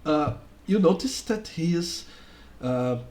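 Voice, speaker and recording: Slow, halting man narrating a tabletop game. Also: a little high, animated, darkish tone. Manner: halting, repeats words as he improvises. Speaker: game master.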